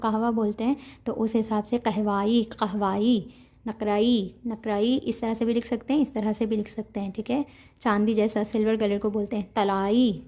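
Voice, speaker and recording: A woman with an Urdu-speaking accent teaches vocabulary slowly and patiently, repeating each word. Her voice sits fairly high but sounds mellow and warm. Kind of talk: language lesson.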